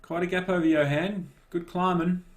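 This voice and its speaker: A man giving relaxed, casual live commentary on a cycling race and cheering riders on by name. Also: high-pitched, moderate pace.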